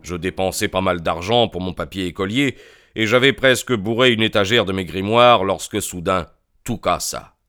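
A man narrating a classic novel as an audiobook in a steady, measured reading. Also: sits low, clear, resonant tone.

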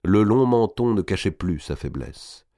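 Deep-voiced man narrating a historical novel. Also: lively intonation, a little slow, mellow, no room sound, studio quality. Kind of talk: audiobook narration.

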